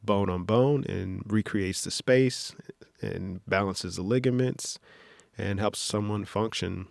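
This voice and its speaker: A man who works as an orthopedic surgeon, from Detroit, explaining things in a measured interview manner with frequent fillers. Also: fairly low pitch, gravelly, dry recording, studio quality. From Detroit, USA. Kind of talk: interview conversation.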